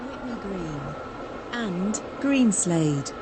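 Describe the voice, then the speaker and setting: A woman's voice: lively intonation, very slow. A woman voicing an automated train station announcer, formally reading scripted announcements in separate segments over train noise. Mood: formal, segmented. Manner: segmented, formal listing of stops. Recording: clear train rumble noise. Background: train vehicle ambience in a simulator game.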